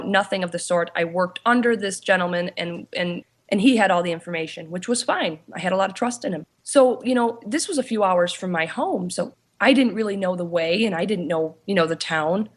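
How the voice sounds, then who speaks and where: In a relaxed interview, a paranormal investigator and author recounts her story at a medium pitch. She frequently stops on "you know" and begins her sentences again.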